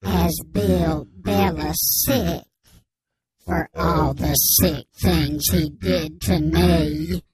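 A man playing a grave, anonymous male whistleblower on a radio comedy bit, his voice electronically disguised, giving slow, solemn deadpan testimony. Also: a little high, a crowd in the background. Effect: disguised voice, electronically altered. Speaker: anonymous informant caller.

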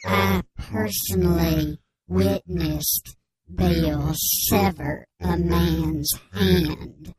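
A man playing a grave, anonymous male whistleblower on a radio comedy bit, his voice electronically disguised, giving slow, solemn deadpan testimony. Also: a little high, crowd noise, low-quality recording. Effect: disguised voice, electronically altered. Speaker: anonymous informant caller.

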